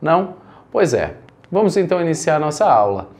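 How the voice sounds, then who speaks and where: A man's voice: on the high side, big pitch swings, fairly quick, darkish tone. A man from Brazil teaching an English grammar lesson, explaining step by step and asking rhetorical questions.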